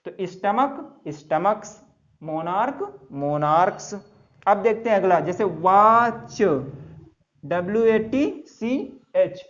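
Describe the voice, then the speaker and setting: A man's voice: high voice, animated, takes it slowly, darkish tone. A man teaching English grammar to a class, spelling words letter by letter and quizzing students with repeated questions. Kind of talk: classroom lesson. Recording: dull lo-fi sound.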